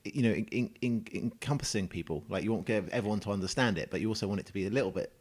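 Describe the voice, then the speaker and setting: A man's voice: lowish voice, rapid-fire, a little mellow. A man co-hosting a podcast as a scientist, chatting casually and teasing his co-host while sharing trivia. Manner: playful and teasing, keen on trivia.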